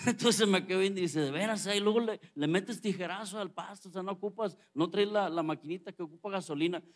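A man's voice: sits high, fast talker. A middle-aged man preaching a sermon as pastor, conversational and joking with the congregation.

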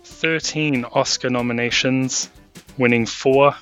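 A man's voice: medium pitch, steady tone, takes it slowly, a bit bright, soft background music. A man hosting a casual film podcast, upbeat as he reads out film stats and facts. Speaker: podcast host.

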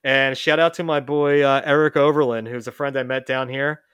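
A man's voice: mid-range voice, steady tone, moderate pace, fairly bright tone, clean tone, dry recording. A man hosting a casual music chat, rambling and often correcting himself mid-sentence. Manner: rambling, self-correcting, lots of restarts. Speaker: podcast host.

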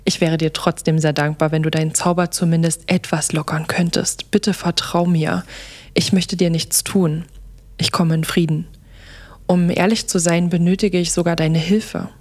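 A woman voicing a calm, persuasive male vampire in an audio story, speaking softly and at times hushed. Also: fairly low pitch, moderate pace, close to an everyday voice. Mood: coaxing.

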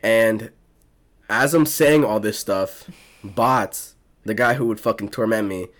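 This is a young man co-hosting a podcast, casually telling a story with plenty of profanity and filler words in an easygoing way. He speaks slowly, with a fairly low pitch and a fairly bright tone.

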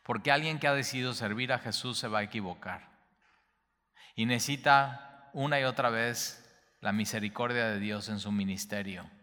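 A man's voice: medium pitch, normal speed, pushed and bright, in a large hall. A man preaching a Bible teaching sermon, speaking straight to the listener and repeating key phrases for emphasis.

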